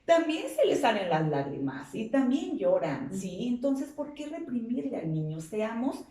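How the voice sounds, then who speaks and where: A woman's voice: a little high, very animated, unhurried, dark tone. A woman psychologist, guest on an interview show, explaining patiently and asking rhetorical questions. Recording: roomy sound from a distance.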